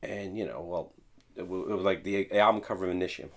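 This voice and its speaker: A man's voice: low voice, steady tone, fast talker. A man hosting a show about records, chatting casually with a friend and laughing easily. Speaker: podcast host.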